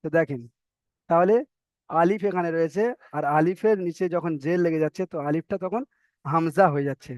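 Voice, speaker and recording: A man teaching a recorded online reading class, drilling letters slowly one by one and explaining in quick bursts. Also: a little high, a little mellow, no room sound, clean studio sound.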